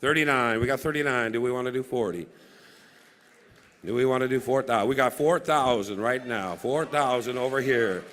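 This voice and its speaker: A man's voice: mid-range voice, moderate pace, fairly bright tone, big-room sound, a little hiss or hum. Man calling bids as a live auctioneer. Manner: informal, repetitive bid-calling with self-corrections. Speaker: auctioneer at a charity banquet. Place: live banquet event room.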